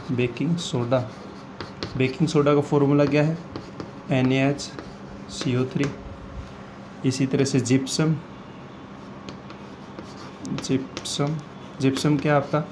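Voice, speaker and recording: A man teaching chemistry in a slow classroom lecture, who asks questions and answers them himself, repeats key terms and mixes in English phrases. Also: medium pitch, noisy background.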